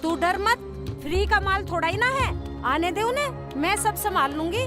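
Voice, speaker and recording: A protective older village mother in a comedy film who speaks calmly and reassuringly. Her voice sits very high, as a woman acts her out, with music underneath. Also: normal speed.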